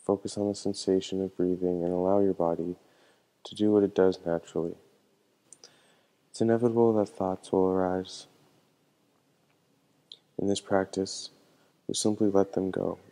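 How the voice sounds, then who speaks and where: Gentle and mellow, this meditation teacher guides listeners in a low male voice with calm, measured directions. His pitch barely moves, staying flat and even, and his tone has soft edges.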